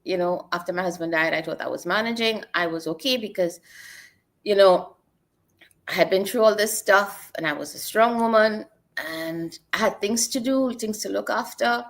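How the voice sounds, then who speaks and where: A woman's voice of medium pitch, moving at normal speed, belongs to a middle-aged guest from Trinidad and Tobago. Her reflective interview talk is an earnest, personal account of her life, marked by repeated phrases.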